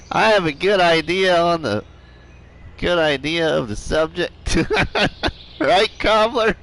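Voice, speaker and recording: A man's voice: on the high side, slow pace, pauses often, a bit bright, low-quality recording. A middle-aged man streaming a farming game live, chatting and joking with viewers and laughing often. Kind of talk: live gameplay chat with viewers.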